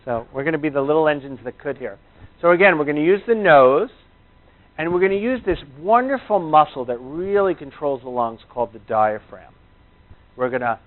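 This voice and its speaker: A man teaching breathing exercises informally to a class, reassuring and conversational. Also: on the high side. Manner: reassuring, conversational, checks in with "you know" and "right". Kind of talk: informal spoken instruction to a class. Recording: tinny, narrow phone-like sound.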